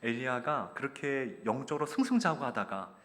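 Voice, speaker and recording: A man's voice: medium pitch, big pitch swings, a little fast, fairly bright tone. A male pastor preaching a sermon in a church sanctuary, earnestly exhorting and often addressing the congregation directly. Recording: long church-hall reverb.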